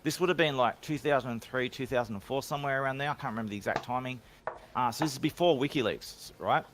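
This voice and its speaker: An Australian-accented man joins a podcast as a guest over a remote call, telling stories casually through a home microphone. He talks fast at a medium pitch, rambling and self-assured, often restarting his sentences, while the background stays noisy.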